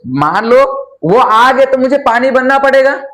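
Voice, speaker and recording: A man's voice: very high voice, expressive, measured pace, a bit bright, echoey room. A man teaching a class in a chatty lecture style, quizzing his students and letting them finish his sentences. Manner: chatty, calls listeners "yaar".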